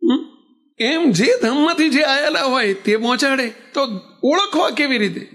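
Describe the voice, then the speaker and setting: A man's voice: very high-pitched, measured pace. A man, a monk preaching a sermon, telling stories and asking the audience rhetorical questions. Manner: lively storytelling with rhetorical questions.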